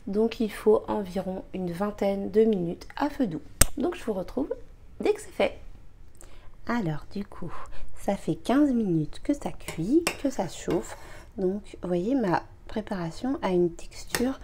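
A woman's voice: medium pitch, warm tone, slight background noise. A young woman at her home kitchen, talking casually through a recipe, hesitant and full of fillers, apologizing often and a little tired. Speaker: cooking and beauty vlogger.

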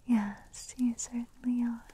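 A teasing young witch matchmaker whispers close and very slowly, played by a woman. Her mellow, breathy voice drifts through soft giggles in an intimate ASMR roleplay. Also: on the high side, exaggerated voice.

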